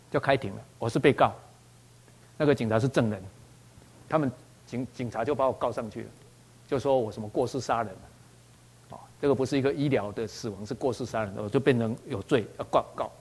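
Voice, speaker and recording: A man with a Taiwanese Mandarin accent, a doctor telling a personal story in an animated way, often repeating words as he goes and slipping into Taiwanese phrases. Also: medium pitch. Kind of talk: spoken personal anecdote.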